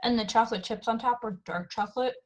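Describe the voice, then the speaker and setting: A woman's voice: fairly high pitch, fast, poor audio. A woman with a stuffy, runny nose chatting casually with a friend, giggling often. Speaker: friend keeping the streamer company. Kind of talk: casual chat.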